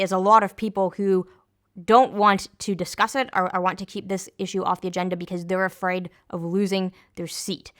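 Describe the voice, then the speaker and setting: A woman explaining politics in an interview, measured, with frequent ums and self-corrections. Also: mid-range voice, gravelly, a bit bright.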